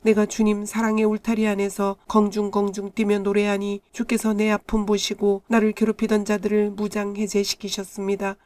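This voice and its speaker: A woman giving a calm, measured devotional reading of scripture. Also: medium pitch. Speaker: Bible reader.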